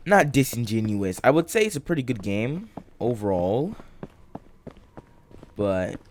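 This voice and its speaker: A young man with a groggy morning voice giving rambling, halting commentary while playing a game, full of fillers and restarts. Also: mid-range voice, big pitch swings, a little hiss or hum. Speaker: gaming channel host. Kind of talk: casual let's-play commentary.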